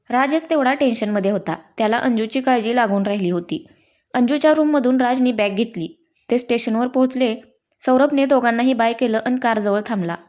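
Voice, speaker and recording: A woman reads a story aloud in a fairly high voice. She narrates at a steady pace and lifts her voice a little when the characters speak.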